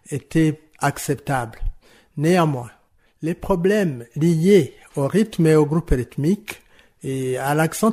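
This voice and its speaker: A man explaining French rhythm and stress to teachers in a slow, measured, didactic way, answering interview questions. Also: on the high side, warm tone. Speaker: language teaching expert.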